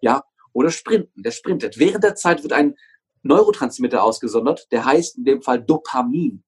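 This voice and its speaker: Husky, emphatic man coaching hard. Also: medium pitch, expressive, normal speed. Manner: emphatic, swears often, hammers phrases through repetition. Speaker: interview guest, motivational coach. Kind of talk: energetic motivational talk.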